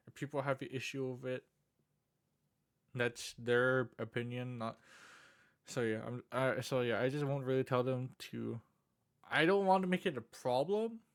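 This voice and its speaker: A man with a slushy lisp and slightly slurred words, talking casually and haltingly as he introduces himself in a vlog, often repeating phrases. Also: medium pitch, a bit bright. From Canada. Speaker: content creator and streamer.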